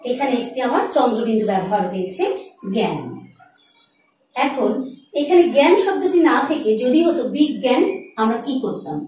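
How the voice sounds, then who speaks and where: A woman teacher giving a pronunciation lesson to her students. She draws out example words slowly and calls her students friends. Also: sits high, warm tone. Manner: slow, drawn-out demonstration of words. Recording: very echoey, from far off the mic.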